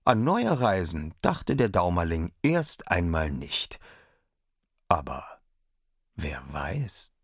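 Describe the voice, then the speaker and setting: A man reading a fairy tale aloud, his voice rising and falling in an animated, expressive way. The sound is dry and close. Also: deep voice, slow, pauses often, slightly rough, no room sound. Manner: expressive, lively storytelling. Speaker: storyteller.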